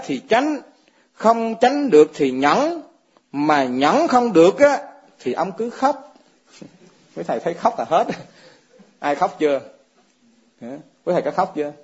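Husky high-voiced monk. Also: male voice, a little mellow. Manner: chuckles often, asks listeners direct questions. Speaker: Buddhist monk teaching fellow monks. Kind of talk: dharma talk. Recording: dull lo-fi recording.

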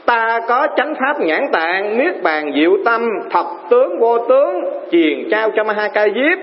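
A man voicing the Buddha as a calm, wise teacher, speaking measured and solemn. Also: very high-pitched, full character voice. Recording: reverberant hall, dull lo-fi sound.

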